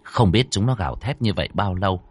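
A man's voice: low-pitched, expressive, quick pace, breathy edge, dry recording. A man narrating a ghost story dramatically, voicing each character himself. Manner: dramatic, acting out every character.

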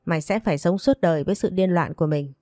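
A woman's voice: lowish voice, quick pace, dark tone, no room sound, studio quality, natural voice. A woman voicing a spiteful young second wife who taunts and sneers in a storybook reading. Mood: sneering.

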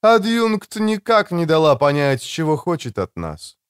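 A man's voice: fairly high pitch, sing-song, measured pace, clear, resonant tone, pitched above the performer's own voice. A man reading an audiobook, voicing a blunt, proud female army captain in a raised, clipped, insistent voice. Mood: curt, demanding. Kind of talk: audiobook character voice.

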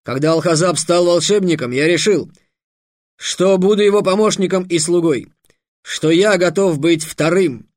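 A grave desert warrior in an audiobook, calm and dignified, addressing his people in measured, solemn tones, read by a man. The voice sits close and dry. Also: high-pitched, no echo, close to an everyday voice.

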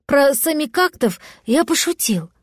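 A woman voicing an anxious, fatherly male cat in a storybook, excitable and fussy. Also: sits high, a little slow, dry recording, studio quality, pitched above the performer's own voice. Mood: fretful.

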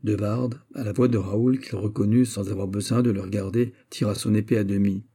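A man reads a classic novel aloud with steady, measured pacing. His voice sits low and sounds dark and mellow, with a husky edge. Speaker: audiobook narrator. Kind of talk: scripted audiobook narration.

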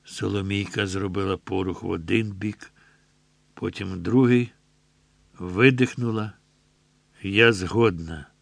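Slow, low-voiced male narrator. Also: steady tone, vocal fry, dry recording. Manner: slow, measured, somber. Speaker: audiobook reader. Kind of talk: literary narration.

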